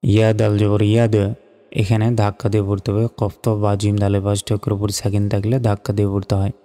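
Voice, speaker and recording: A man with a Bangladeshi accent teaching Quran reading step by step, spelling out letters and vowel marks and then reciting each word slowly and drawn out. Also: lowish voice, monotone, mellow, in a large hall.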